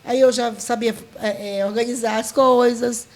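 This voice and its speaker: High-voiced woman. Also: steady tone, measured pace. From Maranhão, Brazil. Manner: heartfelt, full of restarts and quoted dialogue. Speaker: guest, leader of a folk dance group. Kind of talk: emotional storytelling.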